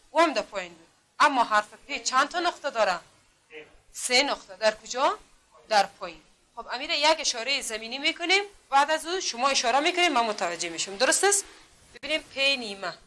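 Woman from Afghanistan, adult literacy teacher; a patient driller with a bright, fairly high voice. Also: slight background noise. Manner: patient, drills with repeated questions and answers. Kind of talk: classroom teaching.

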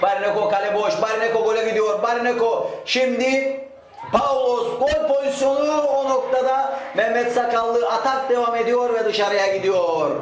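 Shouting male football commentator, high-pitched and echoey. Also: moderate pace. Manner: excited, shouting at big moments. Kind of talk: live match play-by-play. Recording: very echoey, noisy match recording.

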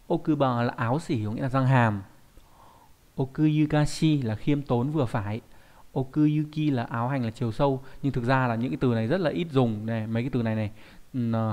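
Teaching kanji online, this man has a medium-pitched, darkish voice. His delivery is chatty and full of rhetorical questions, while Japanese words come out slow and deliberate.

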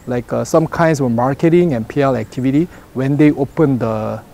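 Man with a mellow voice and halting English. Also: mid-range voice. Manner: halting non-native English with many fillers. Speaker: product manager interviewee. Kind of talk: interview answers. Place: outdoors in front of a branded backdrop. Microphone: lapel mic.

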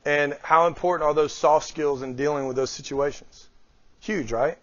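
A middle-aged man delivers a motivational leadership talk to a small live group, often throwing questions at them. His voice sits a bit higher than most men's, on a dry, dull lo-fi recording with no room sound. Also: normal speed, no echo. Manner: lively, questions the audience often. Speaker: guest speaker.

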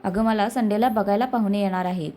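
A woman's voice: medium pitch, a little fast, warm tone, close to an everyday voice. A woman reading as a stubborn young bride-to-be. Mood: subdued, irritated.

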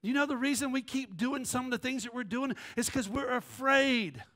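A man preaching a fiery sermon as pastor in a church, shouting and whooping with the congregation. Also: extremely high pitch, normal speed. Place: church sanctuary.

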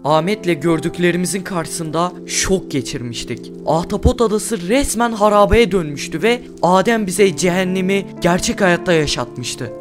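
A man hosting a gameplay video, bantering loudly with friends and narrating between scenes. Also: high-pitched. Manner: loud, shouting, rowdy banter. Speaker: gaming video host. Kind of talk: excited gameplay chat with narration. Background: background music.

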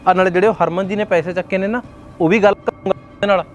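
A man's voice: high voice, steady tone, dull audio, lightly acted. A man playing a furious young husband. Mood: angry. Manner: heated, rapid, indignant. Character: angry young husband, stubborn and scornful. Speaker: son arguing with his mother. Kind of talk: web series drama acting.

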